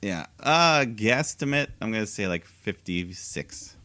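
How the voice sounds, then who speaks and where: A man's voice: lowish voice, expressive, a little slow, bright, forceful tone, no room sound. A man co-hosting a podcast, recapping wrestling shows in a laid-back casual way and laughing often. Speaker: podcast co-host.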